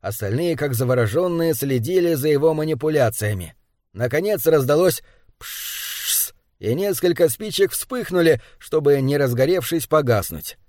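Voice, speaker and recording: Steady male audiobook narrator. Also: on the high side, moderate pace, no echo, studio quality. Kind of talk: scripted narration.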